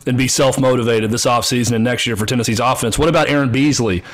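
A man co-hosting a sports podcast in casual chat, joking and quick-witted. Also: mid-range voice, fairly even intonation. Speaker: podcast co-host.

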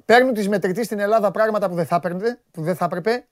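A man's voice: high voice, dry recording, studio quality. A man with a Greek accent hosting a casual sports talk show, chatty and full of questions. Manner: chatty, questioning, interjects often. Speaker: podcast host.

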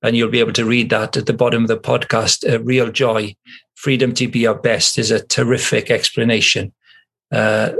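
A man's voice: lowish voice, gravelly, a bit bright, breathy edge. A man hosting a podcast, wrapping up an interview with thanks in a playful manner. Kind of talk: interview wrap-up.

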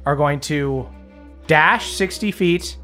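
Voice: mid-range voice, slow pace, a bit bright. A game master narrating a tabletop game in a casual, amused way, with a voice of unclear gender. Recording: music playing behind the voice. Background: music.

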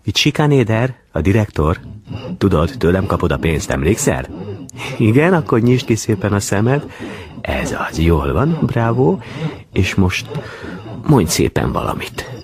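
An actor playing a panicky theater director who shouts and pleads by turns. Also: male voice, medium pitch, very animated, crowd noise. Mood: coaxing. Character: frantic middle-aged male theater director.

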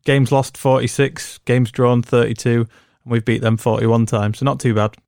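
A man's voice: medium pitch, fairly even intonation, moderate pace, vocal fry, a little mellow, no echo, clean studio sound. Man hosting a football podcast. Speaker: podcast host. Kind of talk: casual sports chat.

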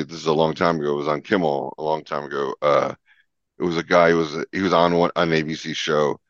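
A man with a very low voice tells backstage stories in an animated, casual way, laughing often and acting out the people in them. The recording is dry and a little dull. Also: dry recording. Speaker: guest, talk show segment producer. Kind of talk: casual storytelling chat.

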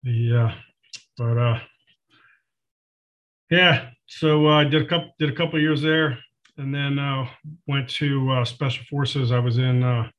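An older man in his sixties reminisces like an old veteran looking back. His delivery is flat and matter-of-fact, halting between thoughts, on a slightly dull recording. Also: medium pitch. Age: 60s. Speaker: interview guest, retired Special Forces soldier. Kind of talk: unscripted reminiscing in an interview.

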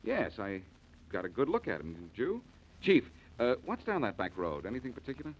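Lively old radio detective, Boston Blackie. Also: male voice, medium pitch, fairly quick, breathy edge, highs cut off, full character voice. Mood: brisk, curious. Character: sharp, confident male amateur detective. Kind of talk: old radio show acting. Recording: old radio recording with faint noise.

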